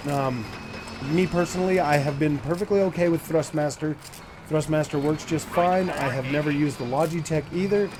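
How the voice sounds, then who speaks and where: A man's voice: a little high, normal speed, background noise. A man in his forties hosting his gaming channel, chatting casually and rambling with many fillers while he plays a racing game. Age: 40s. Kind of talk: casual commentary while playing. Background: racing game engine sounds.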